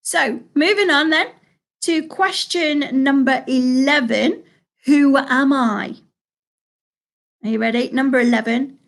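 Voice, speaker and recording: A woman hosting a live pub quiz from home, chatty, reading each question slowly and repeating it. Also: sits high, creaky. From Salford, England. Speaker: quiz host.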